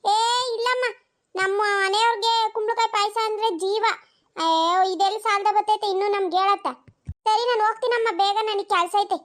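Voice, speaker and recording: A performer doing a squeaky, shifty village neighbor woman. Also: fairly even intonation, brisk, a bit bright. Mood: evasive. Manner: evasive, mutters asides. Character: sly village neighbor woman, evasive and stingy. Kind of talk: cartoon voice acting.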